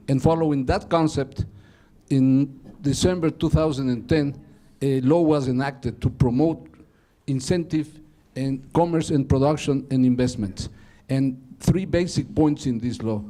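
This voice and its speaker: A man's voice: medium pitch, dark tone. A man from Ecuador, a corporate lawyer, giving a concise, structured panel presentation in English with small slips.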